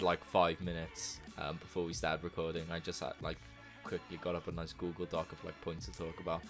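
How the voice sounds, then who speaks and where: A young man co-hosting a casual podcast chat, animated and quick to laugh. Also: deep voice. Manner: animated, laughs often, acts out quoted voices. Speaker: podcast co-host.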